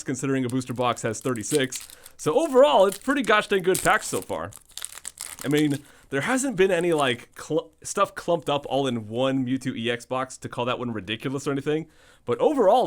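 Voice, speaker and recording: A man with a thin, weak voice giving casual unboxing commentary as the host of a video. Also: fairly high pitch. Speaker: host of card pack opening videos.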